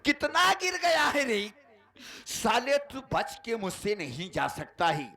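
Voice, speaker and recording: A man's voice: very high voice, huge pitch swings, slow, sharp tone, heavily acted. A man playing a betrayed, vengeful husband in a folk stage play, declaiming to the audience. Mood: furious.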